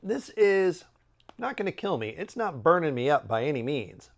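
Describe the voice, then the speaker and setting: A man's voice: fairly high pitch, very animated, normal speed, vocal fry, lo-fi sound. A man giving a casual, chatty snack review with wry, joking asides.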